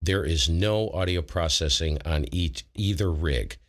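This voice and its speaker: A man with a very low yet fairly bright-toned voice hosts a casual ham radio livestream, speaking unhurriedly to a live chat about technical matters. He is informal and self-deprecating, often wandering off mid-sentence.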